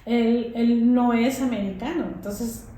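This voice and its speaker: A woman, a guest English teacher, explaining with examples in a casual interview and pausing to find her words. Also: a little high, steady tone, mellow. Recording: very echoey room with faint noise.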